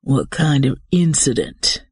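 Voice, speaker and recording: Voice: mid-range voice, animated, slow, a little mellow, husky, no room sound, studio quality, heavily acted. An audiobook narrator voicing an impatient, worried husband demanding answers on the phone.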